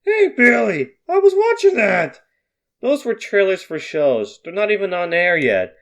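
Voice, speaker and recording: A man voicing a grumpy, meddling older uncle in his own fan script, with high squawky outbursts. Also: very animated, measured pace, vocal fry, fairly bright tone, exaggerated voice. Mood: cranky.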